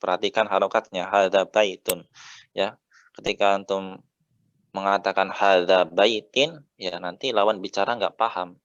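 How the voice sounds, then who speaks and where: Low-voiced Indonesian man teaching Arabic. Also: fairly even intonation, a bit bright, no room sound, lo-fi sound. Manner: patient, says "ya" often, drills vowel endings slowly. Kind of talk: relaxed teaching.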